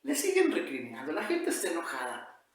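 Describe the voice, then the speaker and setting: A pastor preaching a sermon with emphatic, drawn-out phrasing and frequent tag questions. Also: male voice, fairly high pitch, wildly swooping pitch. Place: church. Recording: echoey church hall.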